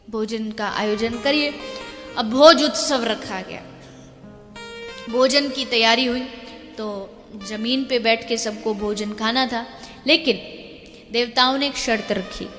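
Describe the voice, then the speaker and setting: A woman giving a devotional sermon with storytelling, emphatic and building to loud repeated refrains. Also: on the high side. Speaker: spiritual preacher. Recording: echoey hall with music behind.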